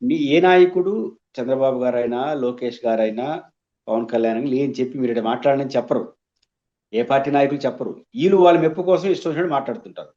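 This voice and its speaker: Fast-talking emphatic male political analyst. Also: medium pitch, dark tone, highs cut off. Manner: emphatic, argumentative. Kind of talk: studio interview commentary.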